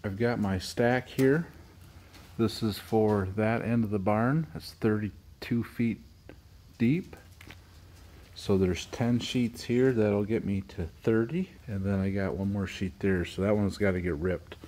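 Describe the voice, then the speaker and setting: A middle-aged homestead video host with a lowish, slightly slow and mellow voice stands in his pole barn workshop. In casual how-to narration, he plainly walks through putting up steel siding step by step, restarting a little here and there.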